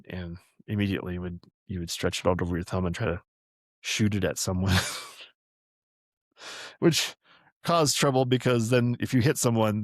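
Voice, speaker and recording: With a lowish voice captured at studio quality and no room sound, the older podcast host reads from a family memoir. He keeps drifting into loose, talkative tangents, correcting himself as he goes.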